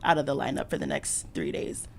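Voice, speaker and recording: A woman's voice: extremely low pitch, fairly even intonation, fairly quick, gravelly. A woman interviewing in a casual, chatty style, with faint ambient noise around her.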